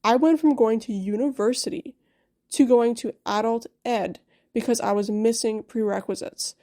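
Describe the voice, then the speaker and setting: Speaking at a normal speed with a fairly even intonation, she has a mellow voice that sits on the high side. She's a young English-speaking dental hygienist from Quebec, Canada, vlogging her own story to camera in a candid, chatty manner full of asides such as "you know?"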